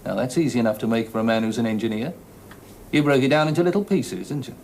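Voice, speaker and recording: A man's voice: mid-range voice, quick pace, a little mellow, a little hiss or hum, close to an everyday voice. An actor playing a brusque male police inspector who needles a suspect during an interrogation. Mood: probing. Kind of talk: British television drama acting.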